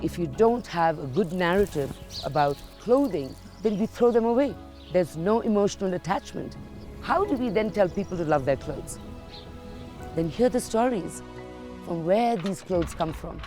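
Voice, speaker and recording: A woman who works in the fashion industry, speaking in a reflective documentary interview in an earnest, measured way with emphatic repetition. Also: on the low side, animated, over music.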